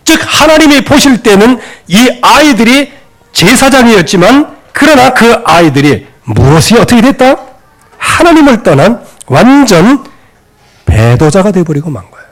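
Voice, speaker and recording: A man preaching a sermon as pastor in a church, animated and acting out quoted scolding voices. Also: extremely high pitch, normal speed. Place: church sanctuary.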